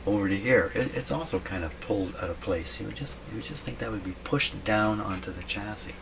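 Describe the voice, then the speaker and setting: Over clearly noisy workshop sounds, a man with a fairly low pitch talks fairly quickly through a hands-on repair. A radio repair hobbyist and video host, he muses casually and asks himself questions as he goes.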